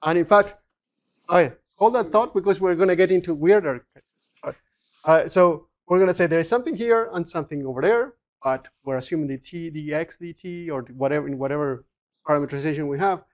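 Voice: mid-range voice, fairly quick, darkish tone, muffled recording. Lecturer working through equations. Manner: explanatory, with frequent restarts and fillers. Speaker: physics lecturer. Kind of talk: university lecture. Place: lecture room.

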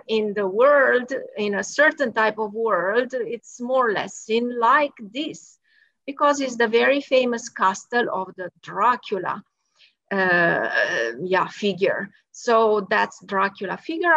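A Romanian experimental physicist gives a friendly, explanatory talk over slides from her work office one evening, adding wry asides. Her voice sits on the high side with a fairly bright tone and no echo. It comes through a video call as dull, lo-fi audio.

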